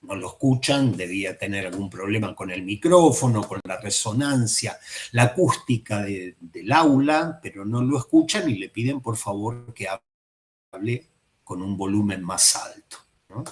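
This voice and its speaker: A man teaching a seminar class. He speaks in a measured way, repeats his phrases and checks in with his listeners. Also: expressive, slight background noise. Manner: varies loudness and pitch for emphasis. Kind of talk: lecture on psychoanalysis.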